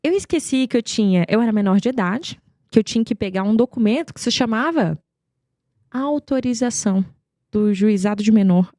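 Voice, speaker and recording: Her voice sits on the high side, animated and mellow, at normal speed, captured dry with clean studio sound. She's a Brazilian marketing executive from Goiânia guesting on a podcast, telling stories conversationally, talkative, emphatic, and fond of rhetorical questions.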